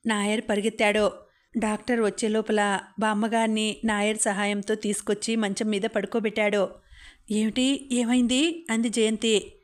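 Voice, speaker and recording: A woman reading a novel aloud as an audiobook, narrating in an even, unhurried way with the characters' lines read inside the story. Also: medium pitch. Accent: Telugu.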